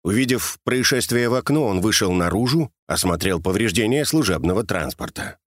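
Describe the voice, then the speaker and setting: Low-voiced male audiobook narrator. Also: expressive, moderate pace, no room sound, studio quality. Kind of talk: scripted narration of a novel.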